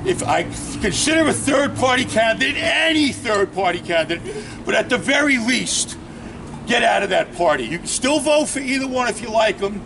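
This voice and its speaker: A man with a high, gravelly voice speaks bluntly at an outdoor rally, urging his listeners. Traffic noise is clearly heard around him. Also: animated, normal speed. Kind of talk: political speech.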